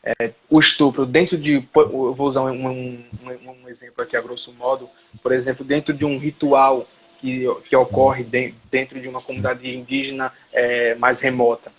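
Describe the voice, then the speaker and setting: A man's voice: medium pitch, level tone, normal speed, slightly rough, dull audio. A man, lecturing as a professor in a live online class and searching for words aloud as he explains.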